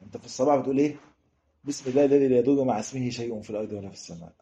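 Speaking very fast in a mellow, medium-pitched voice, a man with an Egyptian Arabic accent gives a fervent sermon that swells into emphatic repetitions. Roomy, dull lo-fi recording.

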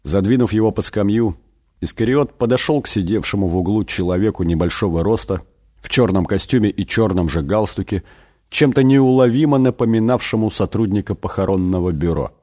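A man reading a satirical story aloud as an audiobook, wry and expressive. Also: lowish voice, a little fast. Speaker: reader. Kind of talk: audiobook narration.

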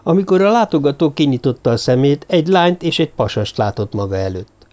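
A man narrating a novel in a steady storytelling manner. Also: on the high side. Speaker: audiobook narrator. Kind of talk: scripted narration.

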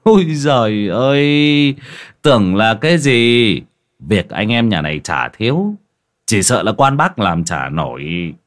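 A man doing a brash loud young villager. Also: fairly low pitch, very animated, unhurried.

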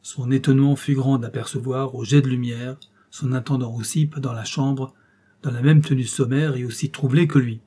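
A man reading an old adventure novel aloud as an audiobook narrator, in dramatic, measured phrases. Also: mid-range voice, steady tone, dark tone.

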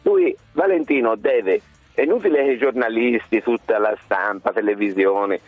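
A man's voice: fairly low pitch, normal speed, no echo. A dull, band-limited voice of a male caller, over faint music. He argues about sport casually but insistently, repeating himself as he goes. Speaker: radio phone-in caller. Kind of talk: opinionated casual sports talk. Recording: muffled call, faint music.

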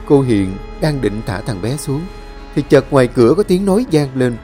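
A man tells a horror story with lively, rising and falling pitch. His narration is dramatic and expressive. Soft music plays faintly behind him. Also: moderate pace.

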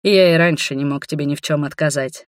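An audiobook reader voicing a protective male dragon lord, stern and firm, with a slightly hoarse tone. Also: medium pitch, brisk, dry recording, clean studio sound, close to an everyday voice. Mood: stern, caring.

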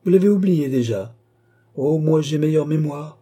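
A man's voice: fairly high pitch, expressive, moderate pace, warm tone, breathy edge, voice pushed up. A man doing a cold, resolute young noblewoman. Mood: bitter.

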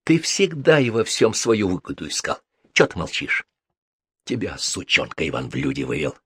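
A man's voice: low-pitched, wildly swooping pitch, normal speed, breathy edge, no echo, full character voice. A man voicing a hot-tempered older brother who speaks with bitter, scornful anger. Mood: angry bitter. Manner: angry, shouting, scornful.

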